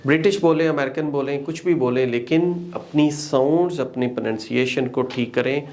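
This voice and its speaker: A man with a middle-pitched voice presents his English institute's courses. He explains step by step and lists topics one after another. He mixes Hindi-Urdu with English phrases throughout. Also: normal speed, darkish tone. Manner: explanatory, lists items, frequent "okay" checks. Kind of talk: promotional course walkthrough.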